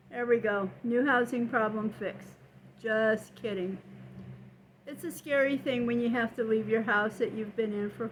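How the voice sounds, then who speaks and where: A woman's voice: a little high, slight background noise, rough recording. An older woman telling personal stories casually to camera in a plainspoken, folksy, reflective way. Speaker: vlogger.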